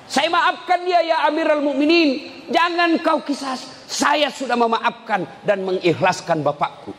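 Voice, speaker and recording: A man's voice: very high-pitched, unhurried, fairly bright tone, big-room sound, voice pushed up. A man voicing a young man who forgives his father's killer, pleading in a raised, emphatic voice.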